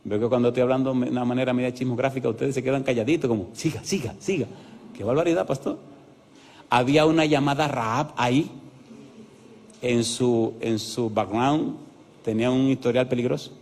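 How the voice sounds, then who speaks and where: A man preaching a sermon as pastor, animated and asking his audience yes-or-no questions. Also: mid-range voice, a little fast, a little hiss or hum. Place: church hall. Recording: long hall reverb.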